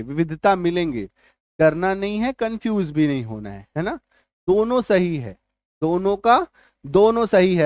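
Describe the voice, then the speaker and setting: Recorded dry and close with no room sound, a male English tutor with a high, darkish voice teaches viewers in a repetitive explaining style. He keeps asking "है ना" and "ठीक है" and spells out words slowly, one letter at a time.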